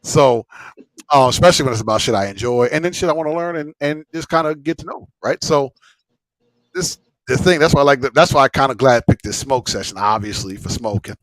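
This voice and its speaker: A man's voice: medium pitch, fairly quick, no room sound, rough recording. A man hosting a casual livestream chat, rambling and repeating himself with slang and frequent swearing. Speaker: host of a live smoke-session stream.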